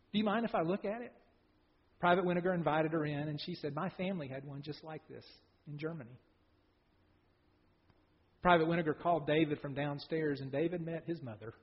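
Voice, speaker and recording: A male pastor preaching a sermon and telling a story, often repeating words as he starts phrases, in a church sanctuary. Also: sits high. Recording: dull sound with long hall reverb.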